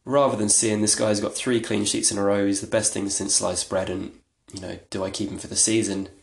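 Man, solo podcast host, casual rambling talk, low voice, roomy echo. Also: little pitch movement, fairly quick, creaky. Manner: rambling, self-deprecating, chatty. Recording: echoey room.

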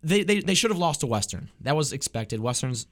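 Halting young man talking college football. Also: fairly high pitch, very animated, fairly bright tone. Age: young adult. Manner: halting, repeats words often. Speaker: student sports reporter, show host. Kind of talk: casual sports talk.

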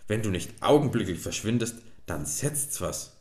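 A man's voice: deep voice, lively intonation, moderate pace. Man doing a grumpy scornful tall man. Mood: angry. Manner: gruff and scolding. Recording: echoey room.

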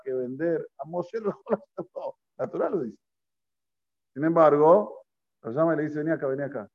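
A man's voice: a little high, darkish tone. A man teaching a Torah class, telling stories and putting questions to his listeners. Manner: storytelling, poses questions to listeners, mixes in Hebrew terms. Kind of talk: Torah class to a live group. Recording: lo-fi recording.

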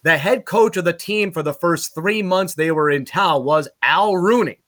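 A man from Utica, New York, a sports broadcaster guest, telling lively anecdotes casually and laughing at his own stories. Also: fairly high pitch, moderate pace. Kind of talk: casual podcast storytelling.

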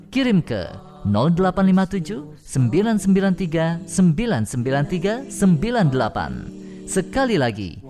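A male radio announcer delivers a scripted advertisement with a smooth, promotional read. His pitch moves a lot as he reads, and clear background music runs under his voice throughout.

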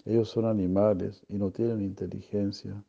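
A man reading out the lines of a gentle, caring young boy god in a slow, soft, plain reading voice. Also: on the low side, flat delivery, vocal fry, muffled recording.

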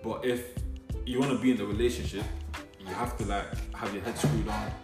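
A man's voice: on the low side, fairly even intonation, brisk. A young man with a London roadman accent, chatting casually with friends. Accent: London roadman (multicultural London English). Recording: echoey room with music behind.

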